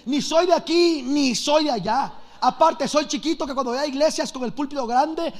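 A man from Los Angeles preaching a storytelling sermon, fast, animated and joking. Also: extremely high pitch. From Los Angeles, USA.

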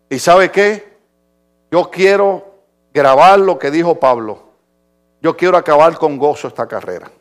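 Middle-aged male pastor, impassioned sermon delivery, high pitch with a rough, gravelly edge. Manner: impassioned preaching, swinging from shouts to quiet.

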